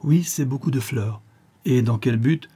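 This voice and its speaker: A man reading the part of an excitable young American officer in love, in an eager, exclamatory way. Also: mid-range voice, measured pace, husky. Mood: pensive.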